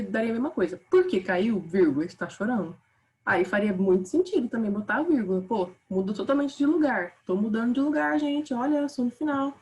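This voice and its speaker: A woman with a Brazilian Portuguese accent teaches a casual online grammar lesson, chatting with her students. Her voice is fairly high with a darkish tone, and the recording is rough.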